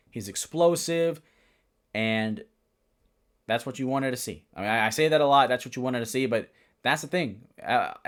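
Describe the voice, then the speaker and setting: A young man talks through the week's football games on his own show, loose and opinionated. He wanders off track, stumbles, and corrects himself as he goes, at a middling pitch. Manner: rambling, self-correcting, opinionated. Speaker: sports podcast host. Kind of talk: casual solo football recap.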